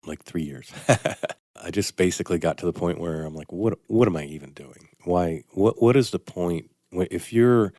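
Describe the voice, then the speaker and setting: An older man, an orthopedic surgeon, hosts a Sunday morning health show from a radio studio, rambling casually and poking fun at himself, with a slight sniffle. His low voice is mellow and moves at a normal speed, with clean studio sound and no echo.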